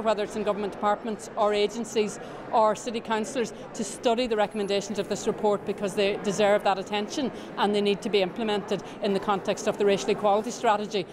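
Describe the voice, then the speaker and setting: A woman speaking as an advocate in a formal news interview, articulate and policy-minded. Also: medium pitch. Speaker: advocate for Traveller rights. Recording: busy crowd and street noise behind.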